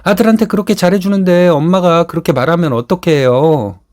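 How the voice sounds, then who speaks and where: A man's voice: high-pitched, fairly quick, a little mellow, lightly acted. A man voicing a grown son who reasons with his mother and pleads with her to back down. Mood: pleading. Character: exasperated grown son defending his wife.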